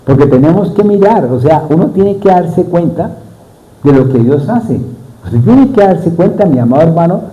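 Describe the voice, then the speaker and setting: A man's voice: fairly high pitch, lively intonation, normal speed, lo-fi sound. A middle-aged man preaching a sermon, often putting questions to his congregation.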